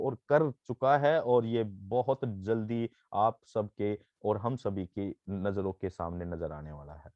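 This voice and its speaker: A man giving a persuasive sales pitch, mixing Hindi with English phrases and calling listeners his friends. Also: a little mellow, no echo, highs cut off. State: coughing, throat irritated. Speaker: network marketing presenter.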